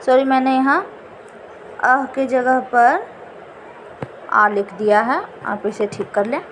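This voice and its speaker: A woman teaching an exam-prep lesson, repeating each definition slowly. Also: high-pitched, fairly bright tone, a little hiss or hum.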